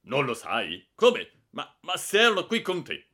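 A man voicing an irate older male school director with a grey mustache, thundering and shouting orders. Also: a little high, huge pitch swings, measured pace, slightly rough, voice pushed up, heavily acted. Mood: furious shouting.

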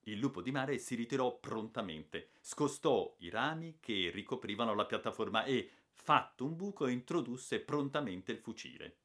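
A man reading an adventure novel aloud as an expressive, dramatic audiobook narration. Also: medium pitch, normal speed, few pauses.

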